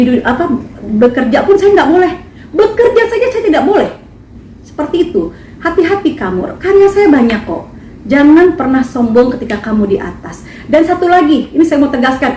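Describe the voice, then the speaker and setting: A woman's voice: sits high, darkish tone, recorded from a distance. A woman singer making an emphatic, indignant statement at a press conference. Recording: echoey, from afar, faint noise.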